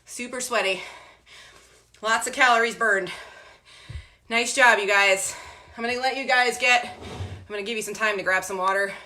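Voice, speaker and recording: A woman leads an online workout as a gym coach, breathless from exercise. Her voice is high and forceful, pushing listeners on with urgent, encouraging calls. The room around her rings with a strong echo. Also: fairly even intonation, normal speed, pauses often. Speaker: fitness instructor leading a home workout. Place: echoey indoor room with hard floor at home. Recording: very echoey room, faint noise.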